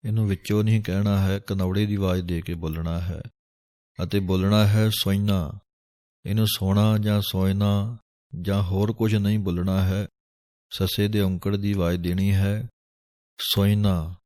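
A man's voice: deep voice, little pitch movement, normal speed, mellow, no room sound, clean studio sound. A man teaching scripture pronunciation, who draws out each verse in a chanted recitation and then explains it carefully.

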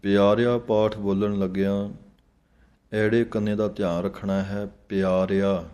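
Recitation teacher, male, low-pitched, unhurried and methodical, chants lines then breaks down pronunciation. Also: flat delivery, a little mellow, clear, resonant tone. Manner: slow, measured, chants lines then explains each word. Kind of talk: slow pronunciation lesson on scripture.

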